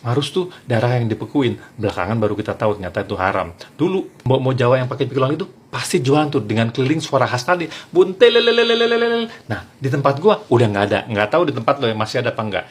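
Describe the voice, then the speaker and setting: A man giving a stand-up comedy monologue, animated and mimicking vendors' calls. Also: on the low side, a little hiss or hum.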